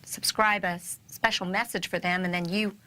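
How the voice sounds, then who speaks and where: A woman's voice: fairly low pitch, steady tone, moderate pace, sharp tone. A woman hosting an interview show, affirming and encouraging toward her guest. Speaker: talk show host. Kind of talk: interview talk.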